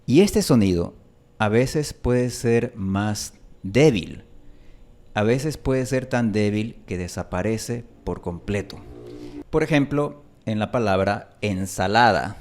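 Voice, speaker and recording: A man hosting a phonetics lesson as a teacher, speaking deliberately and repeating example words slowly to demonstrate their sounds. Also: fairly low pitch, a little mellow. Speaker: Spanish pronunciation teacher and channel host.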